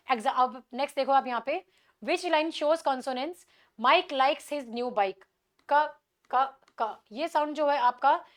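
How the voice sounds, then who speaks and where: Indian woman teacher, high voice, talks in hindi and english, reads examples out slow. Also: clear, resonant tone. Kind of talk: exam-prep lecture.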